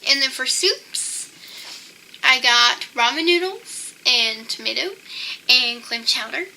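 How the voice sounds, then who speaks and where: A young woman vlogger talks through her personal tips in a relaxed, chatty way, using "like" over and over. Her high-pitched voice is bright and forceful with vocal fry, and she takes it slowly; the recording is rough, with a little hiss or hum.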